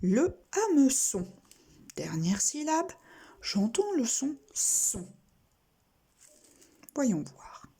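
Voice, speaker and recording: Woman, primary teacher, reading lesson, very slow, deliberate, spells out sounds, husky tone. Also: high-pitched, very animated, mellow.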